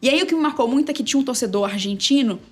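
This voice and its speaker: Woman sports reporter chatting, quick and emphatic, faint music behind. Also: sits high, breathy edge. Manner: animated storytelling, quick and emphatic. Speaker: sports journalist and play-by-play narrator, guest. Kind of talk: casual interview chat.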